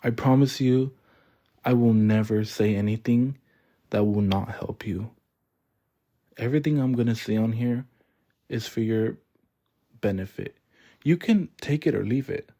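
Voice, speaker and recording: A young man hosting his own podcast speaks at a measured pace in a dark-toned, medium-pitched voice, leaving long pauses. His solo monologue is earnest and heartfelt, rambling with fillers and repeats.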